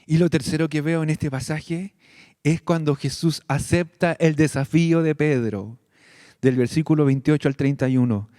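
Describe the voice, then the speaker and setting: A man's voice: a little high, dark tone, no room sound, clean studio sound. A male pastor giving a sermon, speaking earnestly and directly to his congregation. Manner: slow, earnest preaching addressing the congregation directly.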